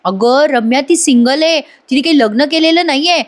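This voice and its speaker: A woman's voice: high-pitched, moderate pace, lightly acted. A woman voicing an old-fashioned middle-aged mother who exclaims in shock at modern ways.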